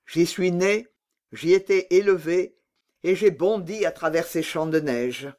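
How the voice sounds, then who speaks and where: A woman's voice: on the low side, measured pace, darkish tone, lightly acted. Woman voicing a wistful homesick reindeer. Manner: sighing, dreamy.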